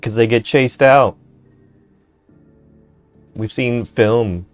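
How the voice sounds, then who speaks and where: Faint music plays behind this man's mid-range voice, which carries no echo. He's a co-host on a casual live stream, laid-back and laughing a lot as he haltingly reads chat messages and articles aloud.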